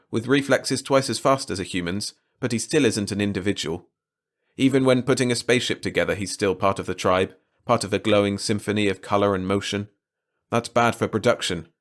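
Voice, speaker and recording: A man reading a science fiction short story aloud in measured, even scripted narration. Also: on the low side.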